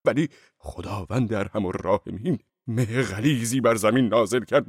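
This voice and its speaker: An actor playing a frantic, fervent fugitive monk in an audiobook drama, swinging between cries and hushed whispers. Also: male voice, mid-range voice, husky, no room sound, clean studio sound.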